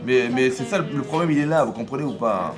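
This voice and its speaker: A man, a rabbi, giving a lively Torah class, often acting out dialogue and asking his listeners whether they follow. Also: medium pitch, quick pace, over music. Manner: acts out dialogue in first person.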